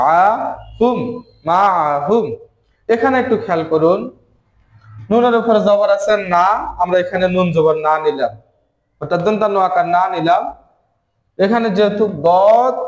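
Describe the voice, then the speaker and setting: A man with a fairly high voice gives a Quran reading lesson, sounding each syllable slowly and repeating it for his learners. His voice rings through an echoey room. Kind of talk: spelling out letters and syllables slowly in a recorded lesson.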